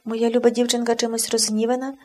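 A woman's voice: a little high, level tone, fast talker, natural voice. A woman voicing an old, humble housekeeper who dotes on her mistress, in a storybook reading. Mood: doting. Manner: humble, doting. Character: old stout female housekeeper, humble and doting.

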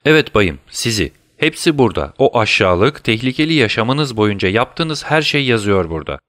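Sherlock Holmes, alaycı ve soğukkanlı dedektif bir erkeğin sesiyle. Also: male voice, medium pitch, normal speed, no echo, studio quality. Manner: calm, teasing, commanding. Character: cool, mocking male detective, middle-aged. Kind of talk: audiobook character voice.

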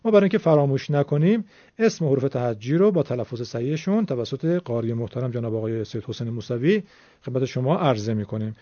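A man's voice: mid-range voice, lively intonation, mellow, no room sound, lo-fi sound. A man teaching Quran recitation, explaining patiently and formally step by step. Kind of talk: classroom-style explanation.

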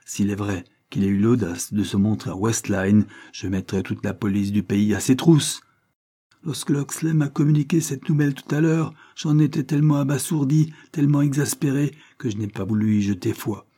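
A man voicing a gruff, nosy older male judge who bursts into loud fury. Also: mid-range voice, normal speed, close to an everyday voice. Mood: furious. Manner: bluster rising to fury.

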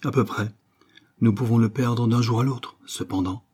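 A man playing a curt, irritated young brother in a read novel, answering in brief, gruff words. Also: mid-range voice, fairly even intonation, normal speed, a little mellow, natural voice.

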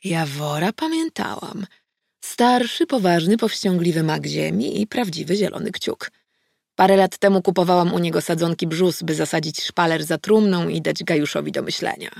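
A woman narrating an audiobook in the first person, in a steady storytelling manner. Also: lowish voice, normal speed, creaky, no echo, studio quality.

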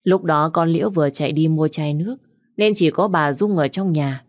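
Woman reading a story, low steady voice, dry mic. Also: normal speed, dry recording. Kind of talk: story narration with acted dialogue.

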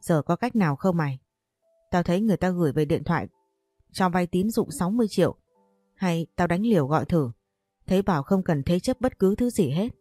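A woman voicing a frightened young woman deep in debt who pleads anxiously in an audio story. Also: animated, fairly quick, mellow, no echo, studio quality, soft background music. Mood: pleading.

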